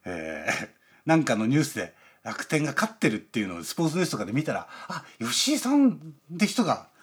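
A man's voice: lowish voice, very animated, fast, breathy edge. A man hosting a radio show, talking in a rambling, chatty way with lots of fillers and chuckles. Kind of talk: casual radio chat.

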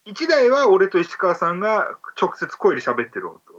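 A man co-hosting a radio show remotely, explaining things in quick, friendly banter. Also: sits high, wildly swooping pitch, fairly bright tone, lo-fi sound. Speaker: radio co-host and jingle operator. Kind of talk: casual radio talk. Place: remote recording over an internet call.

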